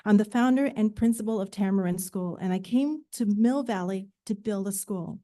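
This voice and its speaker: Formal woman school principal, mellow voice. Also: medium pitch, normal speed. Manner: formal, addresses the board directly. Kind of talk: formal public comment.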